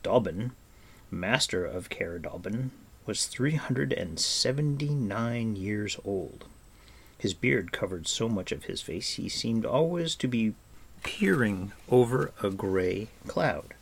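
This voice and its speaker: A man narrates an audiobook in a measured, expressive way. His voice sits low and has a gravelly, husky grain. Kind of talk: scripted storybook narration.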